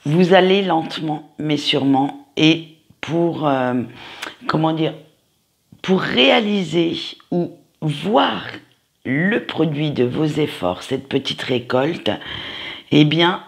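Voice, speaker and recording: A man giving a casual tarot reading, speaking slowly and hesitantly with many fillers. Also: a little high, animated, vocal fry. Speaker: tarot card reader.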